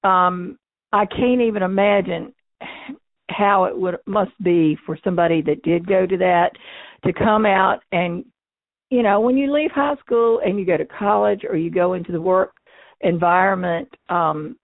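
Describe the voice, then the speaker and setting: A woman's voice: lowish voice, moderate pace, gravelly, dry recording. Older woman with numb-mouthed speech, phone-like sound. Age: 60s or older. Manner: candid, emphatic, informal. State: numb face and nose. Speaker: interviewee. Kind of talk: oral history interview, casual recollection. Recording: thin, phone-like, band-limited sound.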